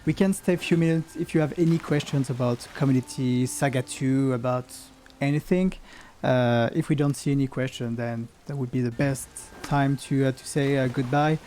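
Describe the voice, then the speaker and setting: A man's voice: medium pitch, steady tone, normal speed, hardly any pauses, dark tone, a little hiss or hum. A man co-hosting a live game community stream, chatting casually, chuckling and reading viewer comments aloud.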